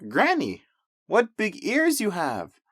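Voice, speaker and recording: A man's voice: high-pitched, wildly swooping pitch, takes it slowly, a bit bright, no echo, studio quality, voice pushed up, full character voice. Man doing a naive little girl. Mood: innocent.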